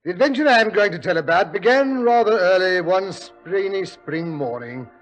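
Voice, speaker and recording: An actor playing a genial, chatty old English doctor with a British accent and a fussy storyteller's manner in a 1940s radio drama. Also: male voice, sits high, expressive, moderate pace, faint music behind, low-quality recording. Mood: narrating. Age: older.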